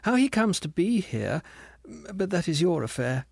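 A man's voice: sits high, big pitch swings, normal speed, vocal fry, darkish tone, husky, no room sound, studio quality, exaggerated voice. A man reading the part of a self-righteous female ghost who complains domineeringly and primly about her late husband. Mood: indignant. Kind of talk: audiobook character reading.

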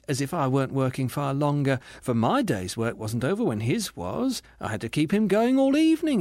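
In a dry recording, a man with a slightly high, slightly mellow voice reads an audiobook character: a self-righteous female ghost who complains about her late husband in a domineering, prim way.

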